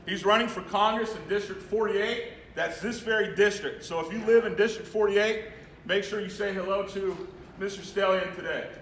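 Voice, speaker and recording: A man acting as event host, loudly introducing a speaker in a large hotel meeting room. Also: high-pitched, steady tone, normal speed, few pauses. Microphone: far camera. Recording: echoey room, distant mic, faint noise.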